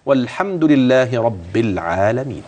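A man's voice: medium pitch, big pitch swings, moderate pace, darkish tone. A man with an Egyptian accent teaching Quran recitation rules, demonstrating words and correcting a student. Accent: Egyptian Arabic. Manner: patient, corrective, demonstrates each word. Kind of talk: explaining tajweed rules and reciting.

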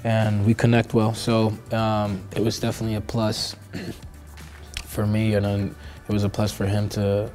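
Twenties male athlete from Costa Rica, halting interview delivery, flat low tone, light music bed. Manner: hesitant, many fillers and restarts. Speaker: professional soccer player. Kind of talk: sit-down interview answers. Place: indoor studio backdrop.

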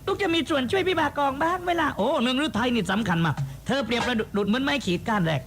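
Puppet-play father, performed by a man: measured, persuasive counsel in a gravelly voice. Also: extremely high pitch, very animated, fairly bright tone, full character voice. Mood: instructive. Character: earnest, persuasive father figure in shadow puppetry. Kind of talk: shadow-puppet play dialogue.

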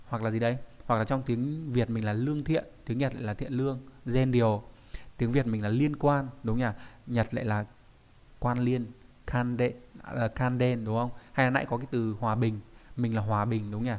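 A man at a medium pitch teaches an online kanji lesson. He explains each word patiently and keeps pausing to ask his listeners whether they follow. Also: darkish tone. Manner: explanatory, with frequent checking tags. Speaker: Japanese teacher.

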